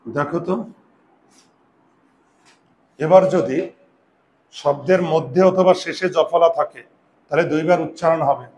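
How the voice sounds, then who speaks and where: A man teaching a grammar lesson slowly and patiently, repeating words and asking his students questions. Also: a little high, darkish tone, a little hiss or hum, low-quality recording.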